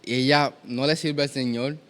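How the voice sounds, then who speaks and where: A man in his twenties giving an earnest, halting testimony in a conversation. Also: mid-range voice, fairly even intonation, a bit bright. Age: 20s. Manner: earnest, storytelling with many restarts. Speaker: guest.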